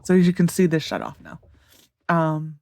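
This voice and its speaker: This let's play gamer has a low, darkish, very animated voice at normal speed, with a congested, nasal quality and no echo. She offers casual commentary on a farming game, thinking aloud with plenty of ums and restarts.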